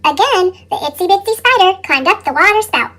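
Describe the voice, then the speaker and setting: With a sped-up chipmunk effect on her voice, a storybook reader performs children's picture books with lots of expression. She sounds animated, brisk, and bright, with a forceful tone.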